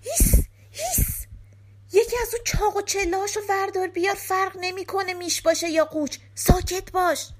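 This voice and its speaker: A woman voicing a band of nervous male thieves in a folk tale, hissing urgent orders to keep quiet. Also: very high voice, voice pushed up. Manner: urgent hushed scolding.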